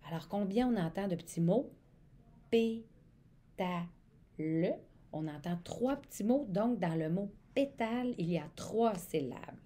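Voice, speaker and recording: Mellow-voiced woman teaching. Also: medium pitch, moderate pace, few pauses. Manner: animated, speaks as if to young children, stretches words. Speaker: early childhood educational support worker. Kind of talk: demonstration lesson on interactive reading.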